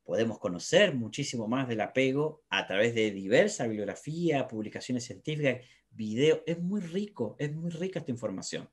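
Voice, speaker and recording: A man's voice: mid-range voice, lively intonation, moderate pace, few pauses. A man, a psychologist, talking animatedly about parenting and filling his speech with tag questions. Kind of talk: conversational talk on parenting.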